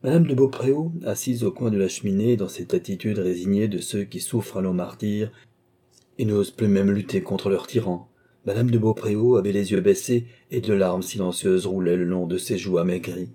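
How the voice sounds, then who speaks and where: A man narrating a classic novel in a steady, measured reading voice. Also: on the low side, breathy edge. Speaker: audiobook narrator.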